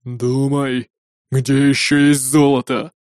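A man voicing a greedy viking warrior who talks with slow, mocking menace. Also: mid-range voice, flat delivery, a little mellow, no echo, clean studio sound, lightly acted. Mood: threatening.

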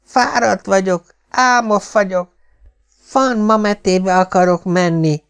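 A man voicing a small child who lisps through missing front teeth, speaking slowly and whiny. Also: high-pitched, expressive, smooth, voice pushed up. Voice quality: lisping. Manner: drawn-out, whiny. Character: small lisping sobbing child.

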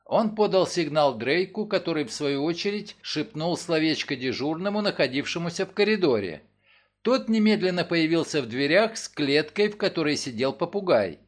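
Expressive high-voiced male narrator. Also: moderate pace. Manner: expressive storytelling. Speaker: audiobook narrator. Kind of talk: scripted narration.

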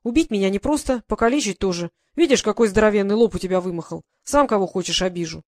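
A woman reading an audiobook, voicing a calm young male guard sergeant reassuring his mother in a steady way. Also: mid-range voice, fast talker, lightly acted.

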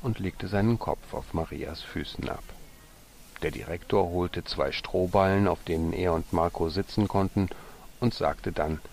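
Deep gravelly male storyteller. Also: measured pace. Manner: gentle, drops to a soft whisper in quiet scenes. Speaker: storyteller reading his own story. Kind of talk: storybook narration.

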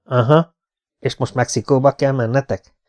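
A man's voice: mid-range voice, steady tone, a little mellow, voice pushed up, lightly acted. A man voicing a scruffy, wary male smuggler in an audiobook, talking in a blunt, casual way. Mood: gruff.

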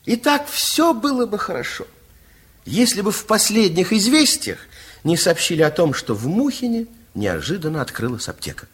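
This male narrator of a Soviet children's radio play uses a high, exaggerated voice with a breathy edge at normal speed, with faint music behind him. He tells the tale expressively and theatrically as a playful, confiding fairy-tale narrator.

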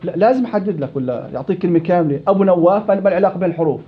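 Fast-talking high-voiced man teaching a class. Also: animated, breathy edge. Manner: quizzing students with quick questions. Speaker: Quran recitation teacher. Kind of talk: classroom tajweed lesson. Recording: dull lo-fi classroom recording.

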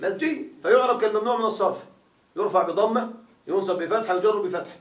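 High-voiced teacher man, echoey room. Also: fast talker. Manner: quizzing students with repeated questions. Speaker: grammar teacher. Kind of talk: classroom grammar lesson. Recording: echoey room, mic far off.

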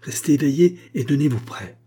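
A man reading a young Russian hussar captain who speaks in hurried, hushed urgency in an audiobook. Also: fairly high pitch, expressive, voice pushed up, close to an everyday voice.

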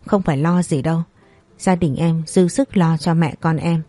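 A woman voicing a gentle young pregnant woman who speaks in a soft, apologetic way. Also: low-pitched, moderate pace, dry recording.

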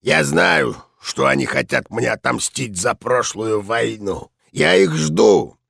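Man voicing an old general, hoarse, gruff, bellicose, gravelly, audiobook character. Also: medium pitch, animated, slow, no room sound, clean studio sound, heavily acted. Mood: blustering. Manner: blustering, shouting.

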